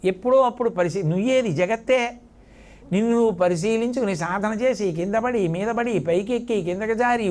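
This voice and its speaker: A man giving a devotional sermon, telling a story vividly and repeating words for effect. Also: high-pitched. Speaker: spiritual discourse speaker.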